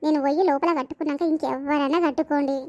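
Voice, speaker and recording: A woman's voice: sits high, fairly even intonation, fast talker, darkish tone, dull audio. A woman voicing a jealous, scheming young woman, with a complaining, resentful tone. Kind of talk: animated village comedy voicing.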